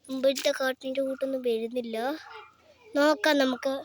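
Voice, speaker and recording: Outdoors in the wind by the road near her house, a young woman who vlogs and is a parent chats to viewers on a handheld phone. Her voice sits high, with fairly even intonation and a slightly quick pace, over a noisy background; she says "guys" and urges subscribing.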